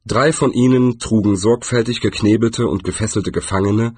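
A man reading a fantasy story aloud as audiobook narrator, calm and unhurried. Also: lowish voice, breathy edge, dry recording. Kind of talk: scripted narration.

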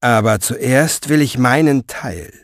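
A man voicing a scheming villain in an audiobook, speaking softly and slowly with a velvety menace. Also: medium pitch, expressive, dry recording, studio quality. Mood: irritated. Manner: soft, velvety, slow, menacing. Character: smooth scheming male sorcerer-reader, soft-voiced and menacing.

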